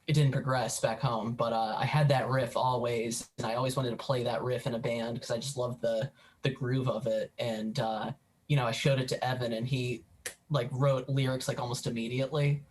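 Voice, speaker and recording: A young man in his twenties, a guitarist, telling a story casually in an interview with frequent ums. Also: mid-range voice. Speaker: band guitarist.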